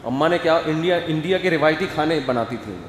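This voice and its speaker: A man delivers an animated sermon and acts out family scenes. His voice sits fairly high for a man. It rings through an echoey hall with a long reverb tail. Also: a little hiss or hum. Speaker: preacher. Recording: echoey hall, faint ambience.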